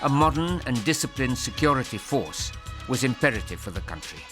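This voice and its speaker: A man reading a scripted documentary narration in a measured, even news style. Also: mid-range voice. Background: music.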